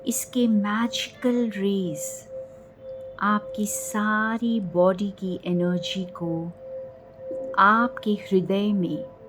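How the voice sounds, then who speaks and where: In a low-quality recording, an Indian woman guides a meditation at a very slow pace, her medium-pitched voice gentle and fairly even in intonation. She leaves long pauses between phrases while faint music plays in the background.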